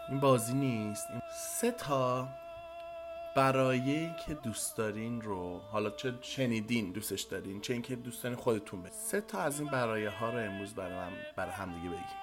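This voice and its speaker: A man with a mid-range voice talks in a playful, chatty way to his friends. Clear music plays behind him throughout. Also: medium pitch. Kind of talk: casual discussion.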